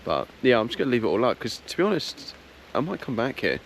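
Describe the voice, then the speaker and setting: A man talking casually and a little haltingly to his viewers in a relaxed, understated camping vlog, recorded outdoors in woodland. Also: mid-range voice. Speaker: vlogger. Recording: clearly noisy outdoor ambience.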